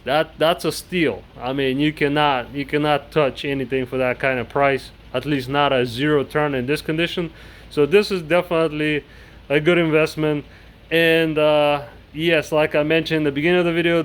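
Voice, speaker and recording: A man vlogging casually from his cluttered indoor shop, rambling through costs with many restarts and fillers. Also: fairly high pitch. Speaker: mower repair vlogger. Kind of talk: casual workshop vlog.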